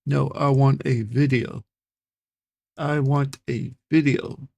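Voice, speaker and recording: Slow, gravelly-voiced man reading aloud. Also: medium pitch, steady tone, darkish tone. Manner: stumbles over hard words and repeats them; slow, halting delivery. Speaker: streamer reacting to videos. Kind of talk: reading an article aloud and reacting.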